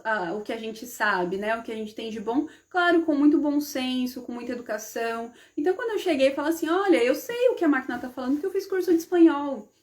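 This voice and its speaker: A woman hosting a live stream, telling stories from her own working life in a casual, chatty way, often checking in with her listeners and acting out the dialogue. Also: high voice. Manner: chatty, often adds "né?" and addresses the audience as "gente". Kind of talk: casual personal storytelling.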